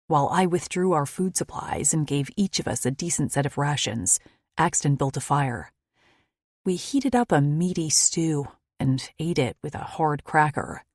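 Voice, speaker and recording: A woman narrating a first-person audiobook in a soft, often breathy, half-whispered way. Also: deep voice, no echo, studio quality.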